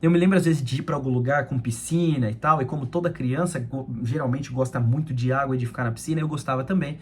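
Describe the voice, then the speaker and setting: A man's voice: medium pitch, fast talker, a little mellow, slight background noise. A young man giving a conversational devotional talk, addressing his listeners as friends.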